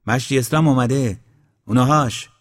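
A man's voice: medium pitch, pitched above the performer's own voice, natural voice. A man voicing an eager young village man, the neighbor's son, in a storybook reading. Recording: long hall reverb.

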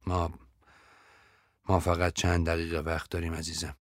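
A man voicing a breezy young man who talks offhand and teasing, in a very deep voice. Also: monotone, no room sound, clean studio sound, natural voice.

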